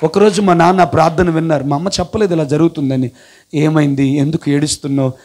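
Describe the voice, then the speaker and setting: A man's voice: a little high, steady tone, quick pace, darkish tone. A young man giving an impassioned testimony sermon, breaking in often with hallelujahs. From India. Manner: fervent, punctuated with repeated hallelujahs.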